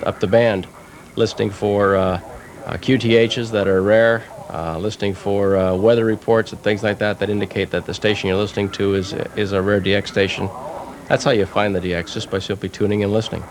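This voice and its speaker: Low, flat-voiced hesitant man. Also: a little fast, a little hiss or hum. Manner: hesitant, full of restarts. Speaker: radio amateur. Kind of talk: casual interview.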